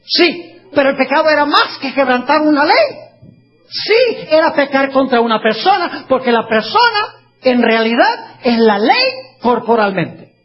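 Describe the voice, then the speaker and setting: A man preaching a sermon, reading scripture slowly and putting questions to his listeners. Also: extremely high pitch, sing-song. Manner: asks the audience questions, reads scripture slowly. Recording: dull lo-fi recording.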